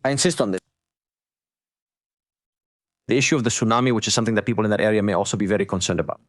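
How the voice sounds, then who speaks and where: A man hosts a live breaking news stream in a fairly low voice. He explains as he goes and restates points for emphasis. The sound is dry, with very little room in it. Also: rapid-fire, no room sound.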